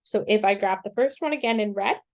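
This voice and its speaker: A woman math teacher explaining graphing step by step in a slow, patient way, with self-deprecating asides, and she has the hiccups. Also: mid-range voice, a little mellow. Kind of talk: recorded screen-share math lesson.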